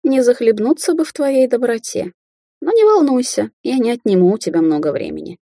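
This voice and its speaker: A woman's voice: fairly high pitch, very animated, a little fast, vocal fry, dark tone, no echo, studio quality, voice pushed up, heavily acted. A woman reading an audiobook, voicing a young sorceress who speaks to her mother sarcastically and tauntingly. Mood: mocking. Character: young adult woman sorceress, mocking daughter.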